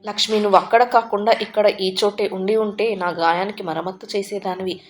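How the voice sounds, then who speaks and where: A woman's voice: mid-range voice, fairly even intonation, a little fast, slight background noise, natural voice. A woman voicing a frail, grieving old widowed father who speaks in a tearful, trembling, pleading way. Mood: sorrowful.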